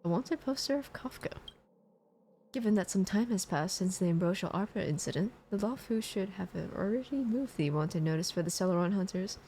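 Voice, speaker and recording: A woman's voice: medium pitch, expressive, brisk, warm tone, slight background noise, rough recording. A woman streaming a game, reading its text aloud expressively and adding casual commentary. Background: music.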